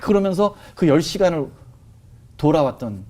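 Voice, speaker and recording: As a guest giving a testimony, a man animatedly recounts a personal religious experience, emotional, vivid and packed with fillers. His voice is on the high side, expressive and brisk, with a darkish tone.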